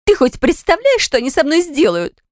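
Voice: medium pitch, big pitch swings, fairly quick, a little mellow, dry recording, studio quality, pitched above the performer's own voice, lightly acted. A woman reader voicing a young wife who wails and pleads, in an audiobook story. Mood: pleading, whiny. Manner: wailing, pleading. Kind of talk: audiobook character voice.

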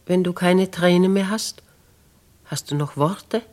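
A slow, gently probing noblewoman. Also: lowish voice. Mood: gentle probing. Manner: slow, measured, gently coaxing. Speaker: actress in radio play. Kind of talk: 1950s radio drama acting.

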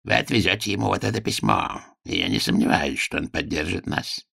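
A cruel, scheming court minister, as the male reader puts him on, menacing and cold, squeaking when rage takes over. The voice is low and gravelly, recorded dry and close. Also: very animated, fairly quick, bright, forceful tone, dry recording, full character voice.

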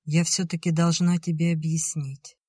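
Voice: medium pitch, little pitch movement, moderate pace, dark tone, breathy edge, dry recording, studio quality, natural voice. An audiobook reader voicing an anxious, emotional elder sister who exclaims in agitation. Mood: troubled. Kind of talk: audiobook character reading.

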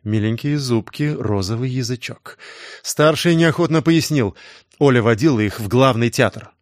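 A male audiobook narrator with a middling pitch, reading in a brisk and wry way. The recording is close and dry, with no room sound at all. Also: no room sound. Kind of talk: scripted narration.

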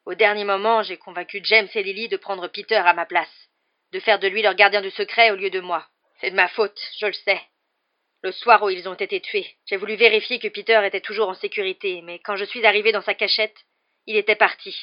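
A hoarse, haunted escaped man, as a woman reading a storybook puts him on, speaking in a rough low voice. The recording sounds dull and muffled. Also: steady tone, brisk, close to an everyday voice. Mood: remorseful.

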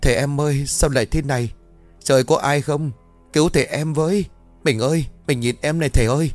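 Grieving rural wife, crying and wailing; a man doing the voice, raised pitch. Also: brisk, darkish tone, soft background music, close to an everyday voice. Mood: frantic pleading. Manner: wailing, pleading. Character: grieving middle-aged village wife.

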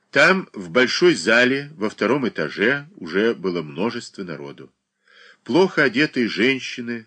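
Expressive male audiobook narrator. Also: fairly low pitch. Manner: expressive, dramatic reading.

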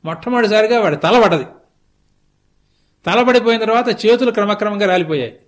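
High-voiced man telling a sacred story. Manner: slow, deliberate storytelling with lots of repetition. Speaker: spiritual discourse speaker. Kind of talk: storytelling religious discourse. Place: television studio.

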